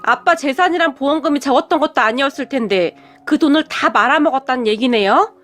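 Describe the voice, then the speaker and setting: A woman's voice: high-pitched, a little fast, a bit bright, soft background music. A woman voicing a cold, resentful grown son who answers in a clipped, icy way.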